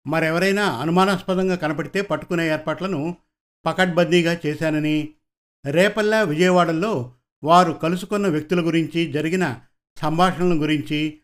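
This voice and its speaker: A man with a fairly high voice narrates a crime story. He reads in an even, measured way. His tone stays steady from line to line. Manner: even, measured storytelling, voicing characters' dialogue. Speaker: audiobook narrator. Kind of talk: scripted narration.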